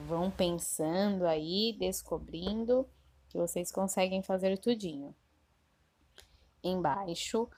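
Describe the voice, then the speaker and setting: A woman teaching a primary school class remotely, patiently repeating instructions and checking the children follow. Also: lowish voice. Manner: spells sounds slowly and clearly. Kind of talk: recorded remote class lesson.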